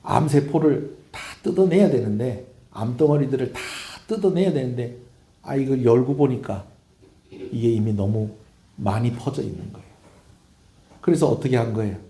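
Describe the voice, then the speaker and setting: A male pastor preaching a sermon in a church sanctuary, telling stories in an animated way. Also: medium pitch, normal speed. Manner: animated storytelling preacher, acting out scenes. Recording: echoey church hall.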